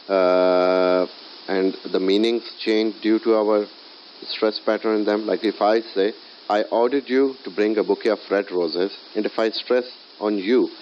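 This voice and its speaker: Male lecturer, lowish voice, hesitant "uh" fillers, dull lo-fi recording. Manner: frequent "uh" fillers and restarts, explanatory. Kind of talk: classroom lecture. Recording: dull lo-fi recording with faint hiss.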